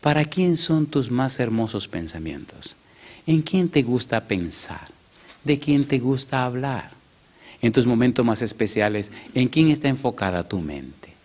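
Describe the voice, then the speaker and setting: A man's voice: medium pitch, unhurried. A male pastor preaching a sermon, telling a story and acting out its characters' voices. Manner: animated, acts out the voices in his story. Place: church.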